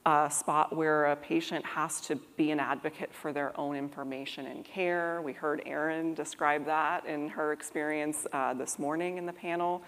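Low-voiced woman panelist on stage. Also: fairly even intonation, a bit bright. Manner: measured, explanatory. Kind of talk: conference panel answer. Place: conference stage in a large hall. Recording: long reverb of a large conference hall.

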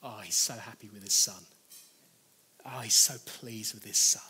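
A man's voice: fairly low pitch, normal speed, sharp tone, breathy edge, big-room sound. A man preaching a sermon in an earnest, conversational way, rephrasing and repeating his key phrases.

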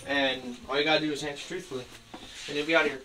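A man playing a tough cop interrogating a suspect, pressing and skeptical in a halting delivery. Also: on the high side, fairly even intonation, sharp tone. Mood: probing. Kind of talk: amateur acted interrogation scene. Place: small room, camera across the room. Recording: distant mic, noisy room.

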